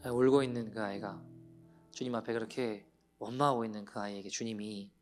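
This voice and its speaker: A pastor giving a Sunday sermon in a church, telling a story with feeling and dropping to soft near-whispers. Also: male voice, on the low side, fairly even intonation, fairly quick, soft background music. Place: church sanctuary.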